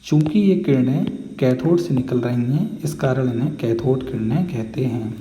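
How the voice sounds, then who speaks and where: A man's voice: medium pitch, moderate pace, warm tone, muffled recording. A man with a Hindi accent teaching a chemistry class. He explains step by step, checks in often to ask if the class follows, and answers his own questions. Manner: explains step by step with constant "theek hai" check-ins. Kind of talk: chemistry lesson. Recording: echoey room with long reverb, faint background noise.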